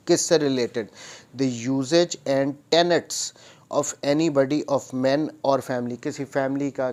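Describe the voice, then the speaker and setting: Medium in pitch and a little mellow, this man's voice carries a Pakistani accent. He reads out legal statutes in a lecture and explains them, moving between English and Urdu and repeating phrases.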